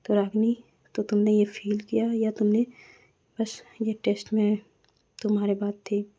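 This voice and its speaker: Confident teasing young woman, voiced by a woman narrator, dark low voice, lo-fi sound. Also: completely flat delivery, measured pace, lightly acted. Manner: playful, coolly formal when angry.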